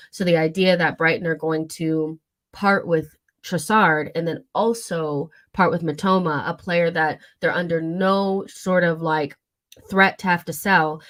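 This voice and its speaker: Hoarse woman chatting with low pitch. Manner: chatty, many fillers and asides. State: hoarse from a cold. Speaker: football channel host. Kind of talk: casual livestream chat.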